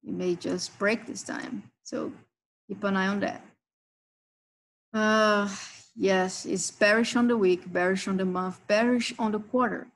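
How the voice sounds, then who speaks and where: A woman hosts a live trading session, walking members through chart levels and price zones. She speaks at a measured pace in a mid-range voice with fairly even intonation, and the recording quality is low.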